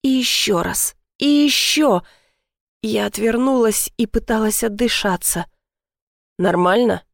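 A woman's voice: on the high side, animated, unhurried, creaky, no room sound, clean studio sound. A woman narrating a tense first-person story as an audiobook reader, giving the dialogue in a dramatic voice.

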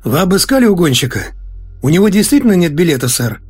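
A dry, bureaucratic airport controller answers over the radio, as a man plays him. His formal phrases rise and then drop low at the end, and the voice is slightly husky. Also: very animated, fast talker, darkish tone, soft background music, exaggerated voice. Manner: dry, formal, drops low on each "sir". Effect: radio transmission.

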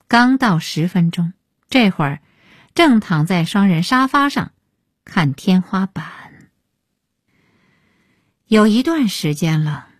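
A woman reads a novel aloud as a storyteller, taking her time over every phrase. Her voice is a little husky and rises and falls with a lively pitch. The sound is dry and close, with no room echo. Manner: slow, measured, expressive reading. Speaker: audiobook narrator. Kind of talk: scripted storytelling narration.

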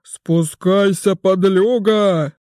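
A man voicing a burly bass-voiced man who bellows rough threats from below, in an audiobook. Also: fairly even intonation, very slow, a little mellow, dry recording, clean studio sound. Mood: furious bellowing. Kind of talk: audiobook character voice.

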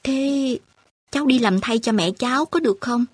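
A woman voicing an earnest, determined young woman student who talks her elders round, with a husky voice. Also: fairly high pitch, moderate pace, dry recording, voice pushed up, close to an everyday voice. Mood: eager. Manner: earnest and insistent.

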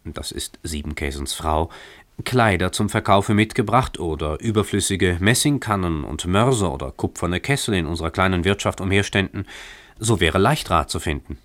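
A loving young wife with a soft, tender, lightly teasing way of speaking, read by a man in his own deep voice. The voice sits close and dry, as in a radio story reading. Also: expressive, normal speed, dry recording.

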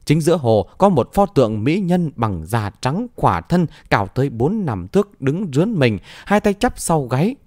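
A male narrator reads a martial-arts novel aloud with a dramatic storytelling manner. His pitch rises and falls expressively, and the recording is dry and close with no room sound. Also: big pitch swings, normal speed, hardly any pauses, warm tone, no echo.

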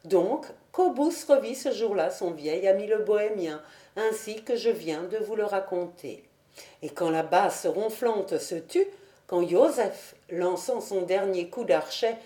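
A woman reading a classic novel aloud in measured, steady audiobook narration. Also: medium pitch. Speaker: audiobook reader. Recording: echoey room.

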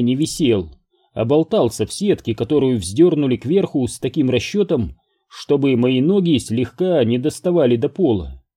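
Male audiobook narrator, mellow and husky, steady wry delivery. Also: mid-range voice. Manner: steady, wry first-person storytelling. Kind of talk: scripted narration.

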